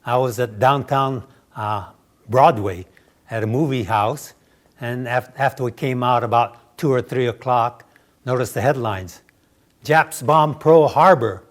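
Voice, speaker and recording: A man's voice: medium pitch, unhurried. A man in his nineties from Los Angeles, telling childhood memories in a wry, storytelling way. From Los Angeles, USA. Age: 90s. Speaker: interviewee. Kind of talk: reminiscing interview.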